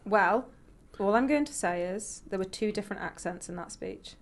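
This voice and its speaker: A woman's voice: mid-range voice, normal speed. A woman co-host in casual conversation, talking in an informal, anecdotal way. She sounds like someone chatting among colleagues on a podcast. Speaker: podcast co-host and opinion writer.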